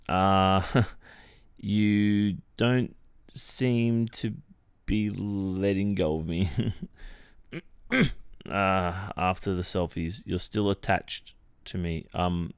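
In an ASMR boyfriend roleplay that feels improvised and one-sided, an Australian performer voices a polite, awkward young college football captain. His low, gravelly voice has a clear, resonant tone and is heavily acted, halting with lots of pauses and soft awkward filler, with an amused, bemused mood. There is no room sound.

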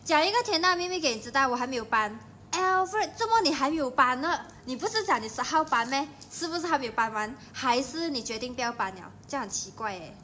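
A young woman with a Malaysian Mandarin accent hosts a casual livestream. Her voice sits high and sounds bright and forceful as she chats and teases her viewers. A faint hiss runs underneath. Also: expressive, quick pace. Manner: chatty and playful, teasing viewers. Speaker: livestream host. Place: at home.

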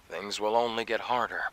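Adam, calm young game survivor. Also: male voice, lowish voice. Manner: steady, reassuring, optimistic. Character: young male survivor guide, calm and encouraging. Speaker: companion character. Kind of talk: game cutscene voice acting. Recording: game soundtrack playing behind.

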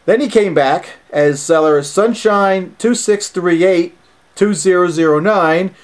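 A middle-aged man giving casual video commentary as an autograph collector, blunt and indignant, reading long item numbers out slowly. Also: high voice.

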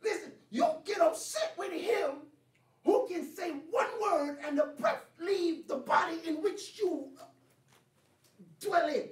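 A woman preacher delivers a sermon in call-and-response style, her high voice leaping up and down as she shouts and then drops low. She speaks slowly and lets the words stretch. The sound comes from a distant mic in an echoey church sanctuary. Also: animated.

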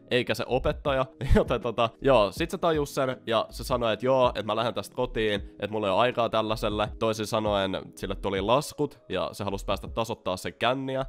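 A young man in his early twenties, telling a story in a chatty, slangy vlog style with some swearing. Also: medium pitch. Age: young adult. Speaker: vlogger. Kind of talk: casual storytime.

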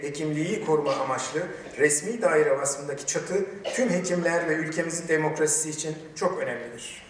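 Man, podium microphone, formal ceremony speech, emphatic measured oratory, slightly raised voice, big echoing hall, distant from the mic. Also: a little high, a bit bright, slight background noise. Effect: speaking from a podium microphone. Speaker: medical chamber president giving a ceremony speech. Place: large echoey hall.

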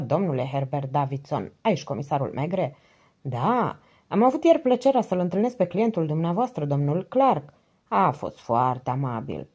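A woman's voice: sits low, darkish tone, breathy edge, heavily acted. A woman reading the lines of a stern middle-aged male police commissioner in an audiobook, curt and businesslike on the phone.

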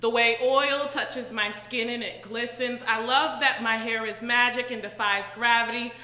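A woman in her thirties performing spoken word poetry in a proud, punchy, animated way. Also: fairly high pitch, a little slow. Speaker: poet. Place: community room, indoors. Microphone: stand mic. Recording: echoey room with long reverb.

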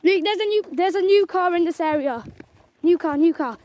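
A high female voice chats and rambles, often restarting her sentences. She speaks into a handheld phone camera while walking outdoors at night. A faint background noise sits under her voice. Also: normal speed, a little mellow. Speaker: vlogger. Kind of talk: casual vlog.

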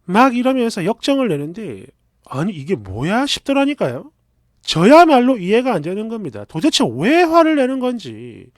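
A man reading a first-person story aloud in a chatty, confiding, expressive way. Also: high voice, normal speed, no echo, clean studio sound.

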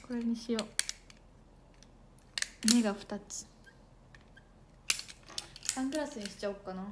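A woman's voice: a little high, very fast, background noise. A young woman idol livestreaming in casual chat, bubbly and chatty, thanking viewers for gifts and sometimes tripping over her words.

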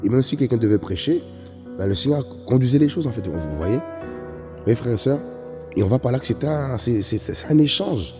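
A man's voice: medium pitch, animated, a little fast. A man preaching a sermon in an emphatic way, often calling out to his brothers and sisters. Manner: emphatic, repeats "vous voyez, frères et sœurs". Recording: long reverb with faint music.

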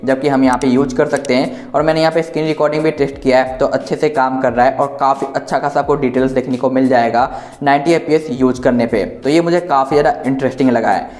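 A video host narrates an informal phone software review, explaining things in a reassuring way. His mid-range voice has a darkish tone. He's indoors in an echoey room, so the recording carries a roomy echo.

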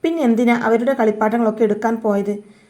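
A woman's voice: fairly high pitch, fairly even intonation, quick pace, dark tone, lightly acted. A woman reading a stern protective young mother. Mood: scolding.

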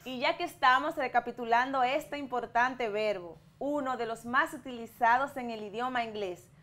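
A woman in her thirties from the Dominican Republic, an English teacher, presents a TV lesson to schoolchildren in a fairly high-pitched, sharp-toned voice. Her Dominican Spanish accent comes through as she slowly and clearly models words and sentences in both languages for repetition.

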